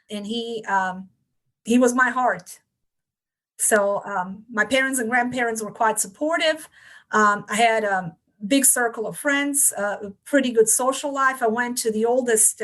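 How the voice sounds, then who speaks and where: A woman's voice: on the high side, a bit bright. Bosnian-accented woman guest. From Bosnia and Herzegovina. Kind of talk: interview storytelling.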